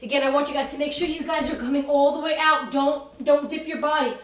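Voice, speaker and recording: A woman fitness instructor leading a class with brisk, commanding, motivational cues and countdowns. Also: high-pitched, fairly even intonation, slight background noise. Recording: roomy echo, distant from the mic.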